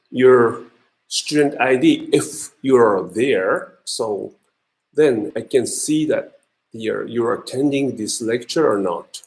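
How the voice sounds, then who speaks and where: A man with a Japanese accent giving an online university lecture in English, halting and full of fillers as he searches for words. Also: medium pitch, reverberant, rough recording. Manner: hesitant, many fillers and restarts.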